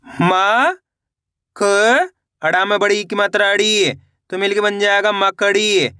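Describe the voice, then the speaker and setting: A Hindi reading teacher with a high, bright male voice gives a spelling-out reading lesson, slowly sounding out words syllable by syllable and repeating questions to the viewer. His steady, smooth, clear voice is recorded close and dry, with no room sound.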